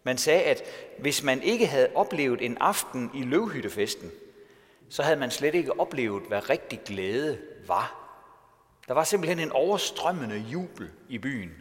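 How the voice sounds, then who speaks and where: A man's voice: mid-range voice, animated. A male pastor giving a sermon in a storytelling way, asking rhetorical questions. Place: church. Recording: long church reverb.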